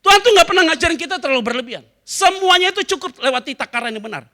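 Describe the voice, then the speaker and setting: A male pastor preaches to his congregation with a high, bright voice. He keeps it chatty and humorous, slipping into little acted exchanges. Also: lively intonation, rapid-fire. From Indonesia. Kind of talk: sermon. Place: church hall.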